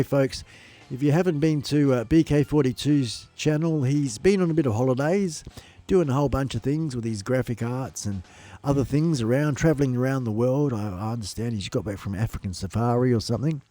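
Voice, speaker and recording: With a medium-pitched, dark voice and a bit of nasality from congestion, a man hosts a rambling live chat. The stream is casual, upbeat, and repetitive, and faint music can be heard.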